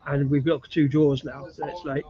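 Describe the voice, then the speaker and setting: Man, dry teasing humor, casual chat, slightly high voice, crowd chatter behind, dull lo-fi sound. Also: level tone, normal speed. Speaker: co-host of a live stream. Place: outdoors at a farm brewery.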